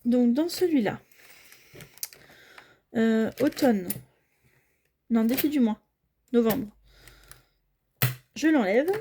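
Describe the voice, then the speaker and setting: At home, a woman who vlogs about budgeting talks casually as she stuffs cash envelopes, describing every small step, apologizing frequently to her audience and occasionally sinking to a near-whisper. Her fairly high, warm voice has lively intonation, moves slowly with frequent pauses, and there's slight background noise.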